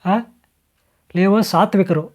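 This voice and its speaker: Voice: medium pitch, slow pace, a little mellow. A channel host giving a motivational spiritual advice talk, emphatic and repetitive, speaking straight to the listener. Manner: emphatic, repeats phrases, addresses listener directly.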